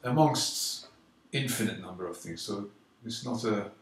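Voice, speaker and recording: Brief: male drum teacher, low voice, calm explanations broken by loud slow counting, recorded from a distance with drum sounds behind him. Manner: counts beats aloud loudly and slowly between calm explanations. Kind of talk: casual drum lesson. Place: London. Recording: roomy echo, mic at a distance, drumming.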